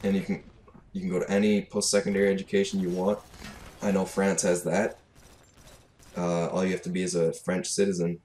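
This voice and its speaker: Speaking a little fast in a deep, darkish voice with a level tone, a teenage gaming commentator, 17 and from Alberta, rants casually with a Canadian accent. He's blunt, fed up and swears a lot; the home recording is clearly noisy.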